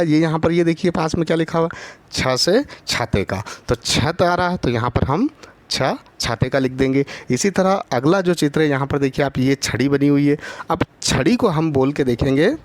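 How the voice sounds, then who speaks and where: A man teaching a Hindi lesson online to young children, patiently repeating each syllable, with many drawn-out filler pauses. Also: on the high side, no echo. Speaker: primary school teacher.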